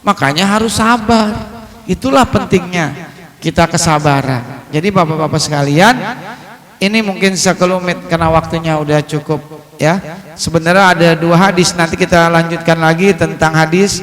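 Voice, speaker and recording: A man giving a joking, lively sermon to a congregation, telling stories and quoting Arabic. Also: on the high side, normal speed. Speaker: Islamic preacher. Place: mosque hall. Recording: long hall reverb.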